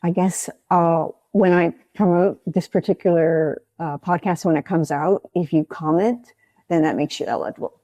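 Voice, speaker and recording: A woman's voice: on the low side, steady tone, normal speed, dark tone, no echo. A woman author speaking as an interview guest, rambling and explaining at length. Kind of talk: casual interview chat.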